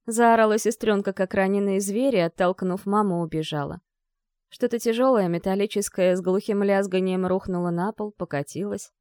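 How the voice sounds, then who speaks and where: A woman's voice: medium pitch, steady tone, normal speed, darkish tone, no room sound, studio quality. A woman narrating a first-person story in an emotional, vivid storytelling manner.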